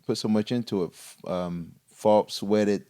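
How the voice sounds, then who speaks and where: Low mellow-voiced former football player. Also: male voice, steady tone, smooth. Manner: halting, with many fillers and restarts. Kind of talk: casual podcast discussion.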